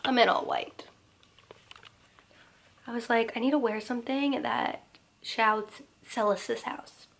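A woman in her twenties chatting casually to a handheld camera in a vlog, upbeat and talkative with quick asides. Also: on the high side, steady tone, vocal fry, fairly bright tone. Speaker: vlogger. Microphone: phone or camera held at arm's length.

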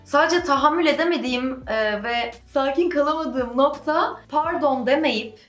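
A woman's voice: sits high, moderate pace, echoey room, soft background music. A woman vlogger chatting casually to camera, retelling a story and acting out the quoted lines.

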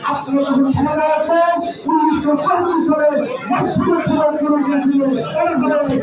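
Older male party speaker, shrill and fiery, repeating slogans; distant handheld mic, boomy room, crowd murmur. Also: fairly even intonation, brisk. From Bangladesh. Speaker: political speaker. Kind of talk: shouted rally speech. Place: crowded indoor party office. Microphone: handheld mic, filmed from far. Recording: echoey hall, far off, dull, crowd.

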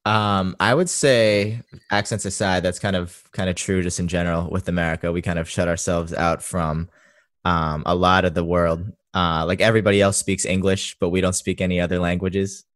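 Low-voiced laid-back male podcast host. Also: normal speed, no room sound, studio quality. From Boston, Massachusetts. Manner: laid-back, relaxed interviewer. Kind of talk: casual podcast conversation.

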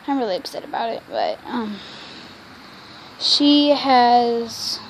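A female voice narrating a toy role-play vlog, excitable and given to squealing cheers. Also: a little high, slight background noise. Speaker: toy video maker.

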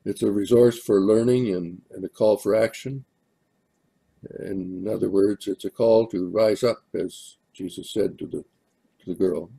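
Older man, very low gravelly voice. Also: steady tone, unhurried, dark tone. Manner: hesitant, many fillers. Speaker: minister. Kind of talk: sermon announcements.

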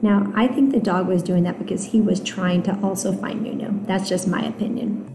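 A woman teacher reading a novel aloud to her students, stopping for gentle explanatory asides with fillers. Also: mid-range voice, steady tone, normal speed, background noise. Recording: roomy echo.

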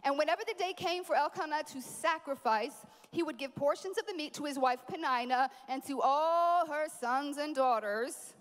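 A woman preaching a sermon at a conference, animated, with playful asides to the crowd. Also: high voice, normal speed, hardly any pauses, in a large hall. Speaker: conference speaker. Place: large conference hall.

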